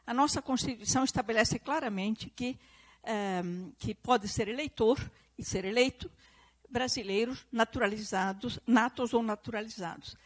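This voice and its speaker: Lecturing earnestly before an audience in the room and viewers online, a southern Brazilian woman with an Italian-descendant accent frequently restarts and repeats phrases to stress her points. She speaks at a moderate pace in a slightly high voice.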